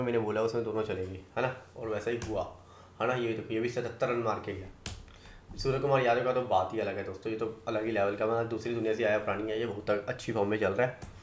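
A man giving fantasy cricket team tips in fast casual talk, confident, often checking in with his listeners. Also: mid-range voice, roomy sound, slight background noise. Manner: rapid, confident, keeps tagging "है ना" and "दोस्तों".

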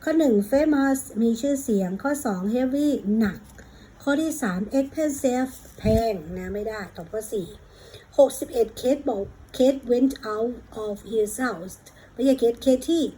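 A woman teacher with a Thai accent, patiently walking children through English exam questions, reading the English lines out slowly and calling the listener "child". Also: high-pitched, warm tone, a little hiss or hum, low-quality recording. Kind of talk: exam prep lesson.

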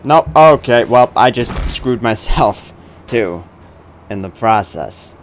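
Animated young man doing let's play commentary. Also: medium pitch, slow, a little hiss or hum. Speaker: gaming video host. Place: small room indoors. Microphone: desk microphone close by. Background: video game ambience.

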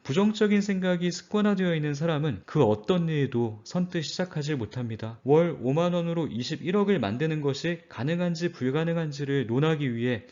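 A man narrates a scripted finance talk in a calm, measured and earnest way. His voice sits a little high for a man. The sound is somewhat dull and lo-fi. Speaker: finance channel host.

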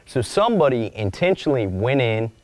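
An archivist in his forties gives a casual, conversational lecture with slides in a mid-size indoor lecture room, now and then acting out little quoted asides and calling his own voice monotone. His voice is mid-range and brisk, with a little hiss or hum on the recording.

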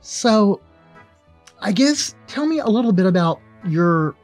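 A man's voice: sits high, very animated, measured pace, darkish tone, soft background music. A man in his thirties asking casual interview questions into a studio microphone. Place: indoor studio. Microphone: studio microphone on a stand.

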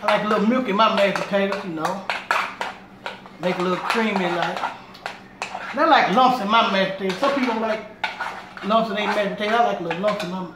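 A man's voice: high-pitched, fast, pauses often, recorded from a distance. Chatty man cooking in a home kitchen. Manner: chatty, repeats himself while working; talks while moving around the kitchen. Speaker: home cooking show host. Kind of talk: casual cooking demonstration. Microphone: camera on tripod across the kitchen. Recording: roomy sound from a camera across the kitchen, noisy. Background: clatter of pots and dishes.

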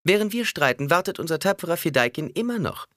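A haughty young female regent, ruthless and quick to defy, as a man performs her. Her voice is lifted well above the reader's own and swings lively in pitch. Dry, close storybook sound. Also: dry recording. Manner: haughty, defiant.

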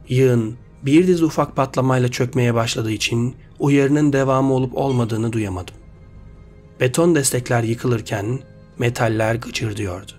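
A man reads a short story aloud as narrator, in a steady, measured way. His voice sits at an ordinary pitch for a man. Soft background music runs under the reading.

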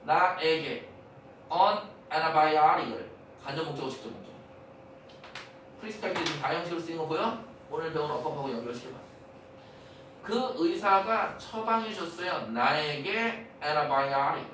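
A man's voice: on the high side, expressive, fairly bright tone. Man teaching in a very echoey room. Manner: quick explanations, repeats key words, corrects pronunciation. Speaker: English teacher. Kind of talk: lecture explaining a textbook dialogue. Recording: echoey room, mic at a distance, faint hiss.

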